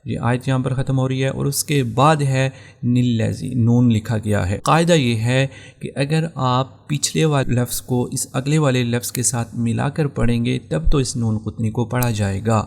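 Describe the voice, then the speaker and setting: A male Quran teacher with a Pakistani Urdu accent explains recitation rules in a patient, step-by-step lesson. His voice carries a gravelly, creaky texture at a mid pitch. He goes back over each rule and takes every example slowly. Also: darkish tone.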